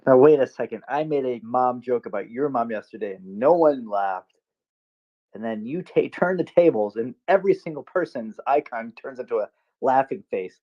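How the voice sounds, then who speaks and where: A man's voice: medium pitch, lively intonation, moderate pace. A man joking around in casual chat on a live audio call, his connection cutting out so his volume keeps jumping. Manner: joking, mock-indignant banter. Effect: connection cutting out, uneven volume. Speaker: panelist on a live audio talk space. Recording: dull lo-fi online call audio.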